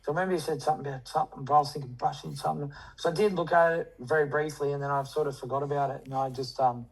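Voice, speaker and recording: A man's voice: a little high, steady tone, fast, creaky, husky, poor audio. A man chatting casually in a rambling, slangy, sweary way. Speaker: coaching client. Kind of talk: casual chat.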